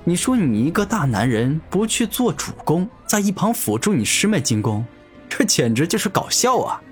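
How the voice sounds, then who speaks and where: A cocky young hero, as the narrator plays him, calm and mocking, with a lively up-and-down pitch. His teasing lines sit over soft background music in a storybook reading. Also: measured pace. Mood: taunting. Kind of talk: audiobook character voice.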